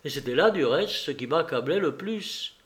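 A man reading a first-person novel aloud as an audiobook narrator, in a measured, deliberate way. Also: fairly high pitch, animated, fairly bright tone.

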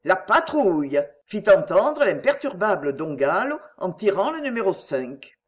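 A woman reading a novel aloud with a lively, animated melody. She tells the story with clear, expressive phrasing. Her pitch sits in a middle register. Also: moderate pace. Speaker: audiobook reader. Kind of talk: scripted narration of a novel.

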